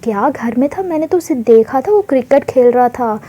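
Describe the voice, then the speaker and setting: Woman voicing a gossipy aunty, nosy, tattling, high-pitched. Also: expressive, moderate pace, mellow, lo-fi sound. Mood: prying. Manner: prying, tattling.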